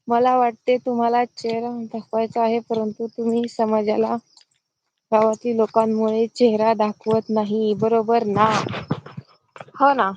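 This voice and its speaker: A chatty woman, streaming live from a farm as she herds goats. Her voice sits fairly high, and she greets viewers one by one and answers their comments. The phone audio picks up loud outdoor noise behind her. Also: lo-fi sound. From Dharashiv district, Maharashtra. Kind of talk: casual live-stream chat.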